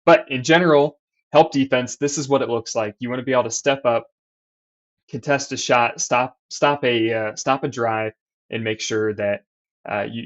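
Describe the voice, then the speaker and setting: A man, a basketball coach, explaining defense in a voice-over over diagrams and game clips, with restarts as he points things out. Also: medium pitch. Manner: explanatory, restarts and fillers while drawing on screen. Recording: slightly dull lo-fi sound.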